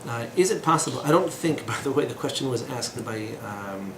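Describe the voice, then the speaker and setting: In an echoey small room with background noise, a man in his thirties gives a fairly quick, expressive informal lecture in a medium-pitched voice. He strays into asides, leans on fillers and throws in sardonic jokes.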